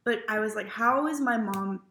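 A young woman hosts a podcast and chats loosely, with a lot of likes and quick laughs. Her voice is somewhat high and has a gravelly fry. The room around her rings with echo. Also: fairly bright tone. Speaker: podcast host. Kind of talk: casual chat.

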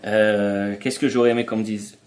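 Un homme d'âge moyen, invité d'une interview, qui explique et raconte des anecdotes sur un ton familier, avec des hésitations et des reprises. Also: male voice, on the low side, little pitch movement, normal speed, darkish tone. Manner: explanatory, anecdotal, hesitant restarts. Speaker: guest, traveling parent. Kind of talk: casual interview chat.

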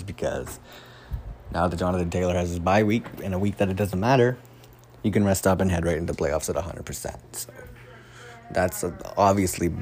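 A man's voice: low-pitched, a little mellow, a little hiss or hum. A man hosting a casual solo fantasy football podcast from a room at home, rambling and swearing freely as he gets sidetracked. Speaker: podcast host. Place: room at home, door nearby.

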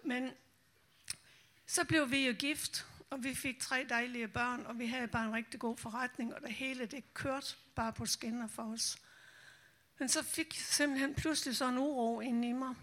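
A woman missionary telling the story of her calling at a church meeting, a lively storyteller who acts out the voices she remembers. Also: fairly high pitch. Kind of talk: personal testimony told to a church meeting.

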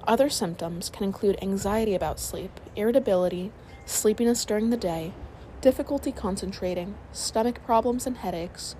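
A woman narrating a sleep story, reading aloud in a calm, soothing way. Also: mid-range voice, normal speed, a little hiss or hum.

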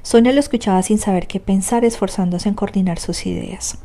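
A woman reads a classic novel aloud as a steady, dramatic storyteller. Her tone is mellow and warm, and her pitch sits in the middle. The delivery is a measured audiobook narration.

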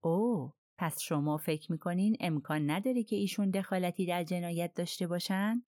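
A woman's voice: on the low side, dark tone, no room sound, clean studio sound, natural voice. A woman reading the part of a persistent foreign detective in an audiobook, probing with polite persuasion. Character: persistent foreign detective questioning witness, man.

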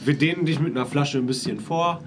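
Dry-humored male co-host, somewhat high pitch, noisy recording. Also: fast talker. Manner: dry, teasing jokes. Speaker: podcast co-host. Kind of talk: casual chat.

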